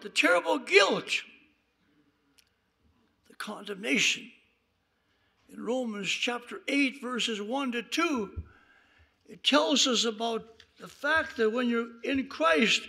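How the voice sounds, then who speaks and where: A male preacher telling stories in a sermon, dramatic and breaking into shouts at the high points. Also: gravelly, breathy edge. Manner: dramatic, bursts into shouts at climaxes. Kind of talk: sermon storytelling.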